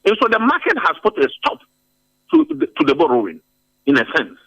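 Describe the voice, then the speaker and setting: High-pitched, animated Ghanaian man. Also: brisk, vocal fry, breathy edge, dry recording, dull audio. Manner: emphatic, repeats phrases for force. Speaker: interviewed policy analyst. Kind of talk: radio interview commentary on current affairs. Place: radio studio.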